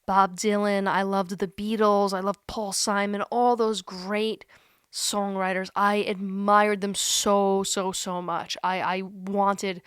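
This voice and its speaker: A woman in her thirties talking candidly to camera from a creaky chair at home, earnest and self-deprecating, laughing at herself now and then. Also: medium pitch, little pitch movement, slow pace, no echo, clean studio sound. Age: 30s. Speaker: YouTuber. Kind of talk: candid reflective monologue.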